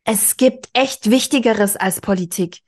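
Woman voicing a sharp-tongued teen girl arguing w her mom, a bit higher than her normal voice. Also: a little slow, lightly acted. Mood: irritated. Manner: sharp, snappy. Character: defiant teenage girl snapping at her mother.

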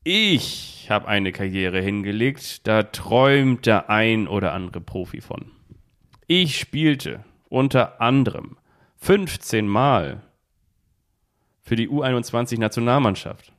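A man's voice: lowish voice, expressive, slow pace, a bit bright. A man hosting a football podcast, posing quiz riddles in the first person as if he were each player, recorded on a phone held close to a device. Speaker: podcast host. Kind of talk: casual football quiz chat.

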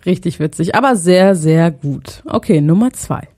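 A woman's voice: lowish voice, expressive, moderate pace, warm tone. A woman co-hosting a chatty podcast, teasing her co-host as she runs a guessing game. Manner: playful, teasing quizmaster. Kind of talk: casual chat, running a quiz game.

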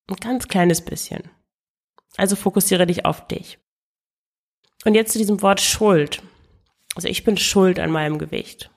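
A woman speaks alone on a podcast in a somewhat low voice. She explains things calmly and addresses the listener directly. She often breaks off and restarts her phrases. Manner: frequent self-corrections and restarts. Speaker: podcast host and weight coach. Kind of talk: solo podcast monologue.

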